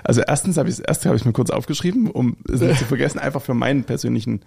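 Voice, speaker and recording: A man's voice: mid-range voice, racing, gravelly, darkish tone, husky. A man co-hosting a casual podcast chat with a German accent, telling rambling anecdotes and often correcting himself mid-sentence. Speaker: podcast co-host.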